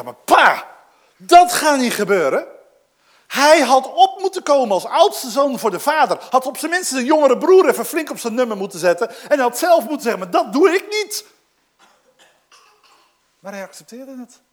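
A preacher in full sermon mode with a very animated voice that swoops up and down in pitch and sits at a middling height. The delivery swings between forceful emphasis and soft, drawn-out asides while walking listeners through a scripture text. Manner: dramatic swings between loud emphatic passages and near-whispered asides; explains a scripture text to a congregation.

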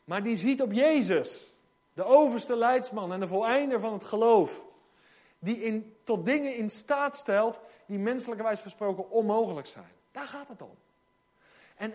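A man preaching a sermon, urgent and exhorting, reading scripture with emphasis. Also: high voice. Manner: dramatizes hesitant voices in hushed tone.

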